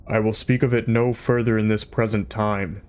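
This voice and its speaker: A man voicing a grandiose, ponderous male supercomputer that speaks solemnly and deliberately. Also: on the low side, little pitch movement, darkish tone, smooth, natural voice. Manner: solemn, measured, pronouncing.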